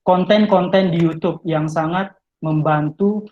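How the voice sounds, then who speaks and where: A man's voice: a little high, steady tone, measured pace. Guy tutor on a video call giving tips, talks right at the viewers, dull muffled audio. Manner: explanatory, addresses listeners directly. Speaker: English tutor. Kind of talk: online talk giving study tips.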